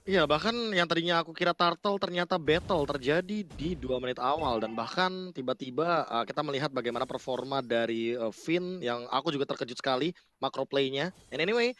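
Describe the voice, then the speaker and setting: A man with an Indonesian accent giving live esports analysis in a somewhat halting way. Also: a little high, a bit bright.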